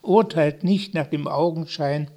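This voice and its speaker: A man reading the words of a calm, solemn male teacher in a slow, measured way, with long pauses. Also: on the high side. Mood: reproachful. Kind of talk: scripture reading.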